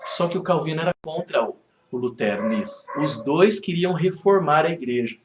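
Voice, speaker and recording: High-voiced pastor in an echoey hall. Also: male voice, normal speed. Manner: conversational, animated, rhetorical check-ins. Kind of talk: Bible study teaching to a live group. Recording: echoey room, faint background noise.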